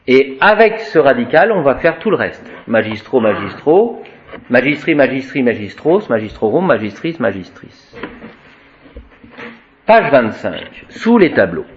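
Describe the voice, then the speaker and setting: Guy teaching latin, slow and singsongy, kinda muffled lo-fi sound. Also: medium pitch, slight background noise. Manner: slow, lively, drawn-out recitation of word forms. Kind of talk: classroom lesson.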